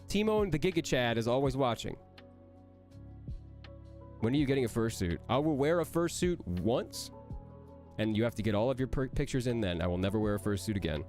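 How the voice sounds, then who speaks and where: On a livestream, a young male voice actor reads out chat questions and answers them, playful and joking. His voice is medium-pitched and darkish, and it's nasal enough that he sounds like he has a cold.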